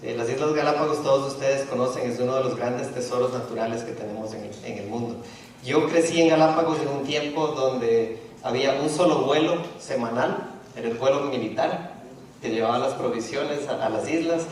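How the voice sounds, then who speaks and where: This public lecture in a university auditorium is given by a middle-aged man from Ecuador, speaking at normal speed in a mid-range voice. His delivery is hesitant, full of restarts and fillers, and the echoey recording, made far from the mic, carries a little hiss or hum.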